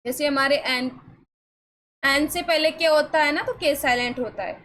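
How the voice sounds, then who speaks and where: High-voiced woman teaching a class. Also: normal speed, a bit bright, slight background noise, rough recording. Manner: asks the class questions and answers them herself; coaxing, reassuring. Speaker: English pronunciation teacher. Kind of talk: online classroom lesson.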